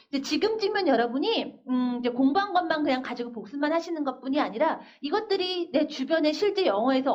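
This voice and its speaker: A woman's voice: high voice, darkish tone. A woman teaching a phonics class, spelling words out letter by letter and asking her students questions. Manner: patient, drills words slowly letter by letter; asks the class questions and answers them herself. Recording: dull, lo-fi older recording.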